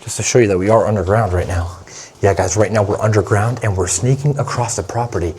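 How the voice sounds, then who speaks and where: Fast-talking and a little mellow, with a fairly low voice, an urban exploration vlogger swears and slings slang as he walks viewers through the underground corridors of an abandoned building. The handheld recording picks up plenty of noise.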